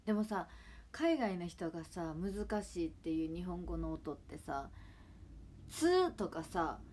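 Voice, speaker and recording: Young woman w/ chatting on stream, lowish voice, rambly, faint hiss behind. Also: measured pace, darkish tone. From Japan. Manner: rambling, chatty, trailing off to near mumbles. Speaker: idol livestreamer. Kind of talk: casual livestream chat.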